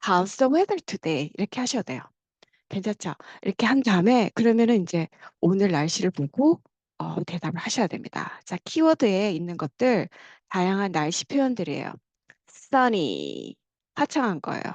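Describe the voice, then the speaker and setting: A woman's voice: medium pitch, very animated, a little mellow, dry recording, highs cut off. A woman teaching an online English lesson, patiently explaining and drawing out each phrase for the class to repeat. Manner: slow, drawn-out drilling of English phrases; patient explaining, frequent checking questions. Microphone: close mic, muted class.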